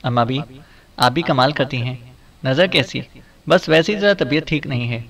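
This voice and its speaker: A man's voice: medium pitch, normal speed, a bit bright, far from the mic, lightly acted. An exasperated grown son who keeps protesting and pleading with his mother, voiced by the male narrator in his own voice. It is an everyday storybook voice with a pleading edge.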